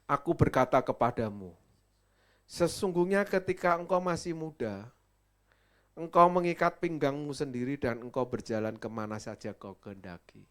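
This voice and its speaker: A man voicing a calm, authoritative teacher, quoted in a solemn, measured way in a sermon. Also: medium pitch, voice pushed down, natural voice.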